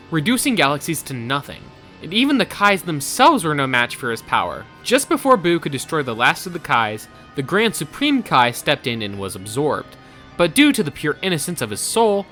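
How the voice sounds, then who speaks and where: With faint music playing behind him, a male co-host reads scripted versus-show narration in a theatrical, dramatic storytelling style. His voice sits fairly high and sounds bright and forceful.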